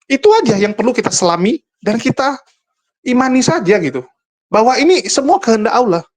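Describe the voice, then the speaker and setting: A man's voice: very high voice, big pitch swings, a little fast. A man who hosts the show and talks in a casual, argumentative monologue, scornful and full of rhetorical questions aimed at his viewers. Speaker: host and religious commentator.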